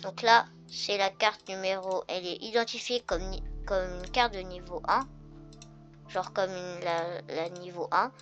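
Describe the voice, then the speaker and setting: A woman's voice: mid-range voice, fairly even intonation, a little slow, fairly bright tone, muffled recording. A woman hosting a gaming video, commenting casually and thinking aloud as she tests things in the game. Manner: chatty, thinking aloud with fillers. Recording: game music playing behind.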